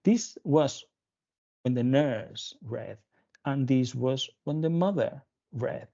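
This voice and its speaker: A pediatrician from Spain giving a webinar lecture, talking through slides with many fillers and restarts. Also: male voice, mid-range voice, lively intonation, slow, gravelly, warm tone. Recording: dull lo-fi webinar audio.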